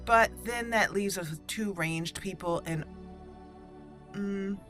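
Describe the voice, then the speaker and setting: A woman hosting a gaming video offers casual, chatty roleplay commentary as she plays, thinking aloud playfully. Her voice is medium-pitched and slow, with game music underneath.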